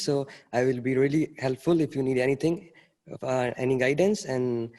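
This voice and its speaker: A man's voice: medium pitch, a little mellow. A man, a law student ambassador, earnestly introducing himself with slightly non-standard phrasing. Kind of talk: brief self-introduction. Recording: long reverb in a large chamber.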